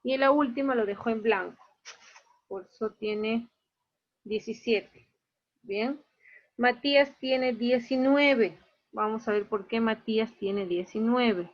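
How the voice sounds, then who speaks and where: A woman's voice: on the high side, fairly even intonation, slow, pauses often, highs cut off. A woman teaching an online class, going through her students' grades one by one and explaining each mark in a plain, matter-of-fact way.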